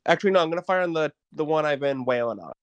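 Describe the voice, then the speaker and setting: Quick, playfully argumentative game player. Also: mid-range voice, expressive, no room sound, muffled recording. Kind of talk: tabletop game play.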